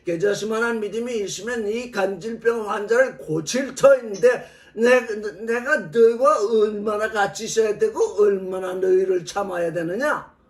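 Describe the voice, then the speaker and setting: 높은 음성의 남자 성경 교사가 설교한다. 오래된 녹음을 복원한 소리라 먼 거리에서 울리듯 들린다. 구절을 낭독하고 질문을 되풀이하며 해설한다. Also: male voice, high-pitched, moderate pace. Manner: reads verses aloud and explains them with rhetorical questions. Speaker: Bible teacher. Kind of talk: sermon. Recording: old restored recording, roomy and from a distance.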